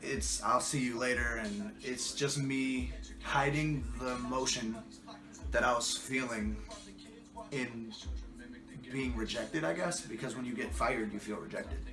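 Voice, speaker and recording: A rapper talking casually about the ideas behind his songs, pausing often with ums and restarting thoughts. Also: medium pitch, reverberant, music in the background. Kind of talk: casual spoken track commentary.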